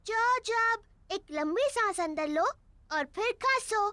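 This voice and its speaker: A woman's voice: extremely high pitch, animated, unhurried, pushed and bright, no echo, heavily acted. A woman voicing a bossy, playful little girl piglet with a childlike, chirpy manner in a children's cartoon dub. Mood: playful, matter-of-fact. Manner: childlike, chirpy, matter-of-fact. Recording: music behind the voice.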